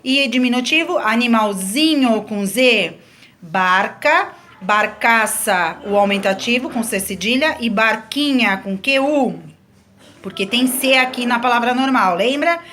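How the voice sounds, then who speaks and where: A woman's voice: fairly high pitch, a little slow, pushed and bright. A woman teaching a grammar lesson, explaining the rules patiently step by step with examples.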